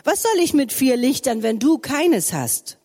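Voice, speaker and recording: A woman voicing a kind shepherd boy of about eight, speaking high and gently. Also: big pitch swings, unhurried, slightly rough, long reverb tail, exaggerated voice.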